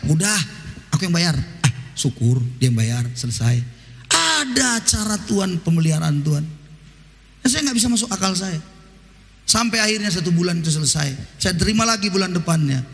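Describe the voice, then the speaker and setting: Pastor guy, highish voice, telling a story in his sermon, acting out the dialogue, church reverb ringing behind. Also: big pitch swings, a little fast, creaky, fairly bright tone. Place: church service.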